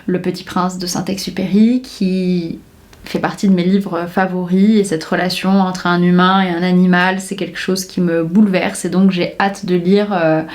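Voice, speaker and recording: A woman's voice: on the low side, level tone, normal speed, darkish tone. A young woman from France chatting casually about her reading list on her podcast, enthusiastic, with many fillers and restarts. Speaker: book podcaster. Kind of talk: casual book chat.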